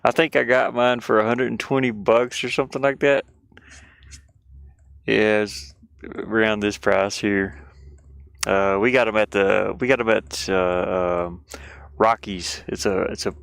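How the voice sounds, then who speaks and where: A game developer livestreams from inside a van while working, chatting casually and thinking aloud in a rambling way. His fairly low, steady voice is a bit bright and smooth, a little slow with vocal fry and frequent pauses. There's no room sound, but the diesel heater fan adds hum and clicking in the background.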